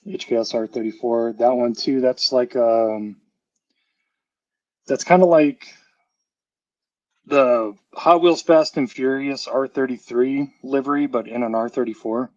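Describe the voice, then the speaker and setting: A man's voice: medium pitch, fairly even intonation, measured pace, pauses often. A man chatting casually on a live stream through a headphone mic, his voice hollow and muffled as if talking through a tube. He rambles and corrects himself often. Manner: rambling, chatty, with many fillers and self-corrections. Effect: muffled, hollow sound as if talking through a tube, from a headphone mic. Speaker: streamer showing a die-cast model car collection. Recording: dull, muffled headset mic.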